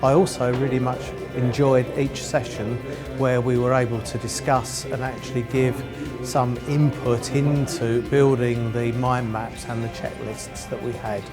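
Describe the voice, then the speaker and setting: Even-toned man with music behind. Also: medium pitch, measured pace. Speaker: event attendee. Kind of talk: testimonial interview.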